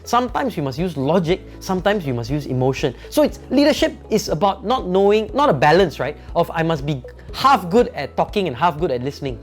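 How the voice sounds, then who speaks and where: Animated man. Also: a little high, fairly quick, faint music behind. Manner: animated, emphatic, frequent tag questions. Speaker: company founder and leadership speaker. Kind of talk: motivational talk.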